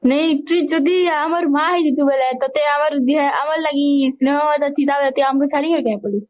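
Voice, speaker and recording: A young woman argues with her family as the daughter in a recorded phone call, sounding accusatory and confrontational in casual speech. Her voice is high and her speed is normal.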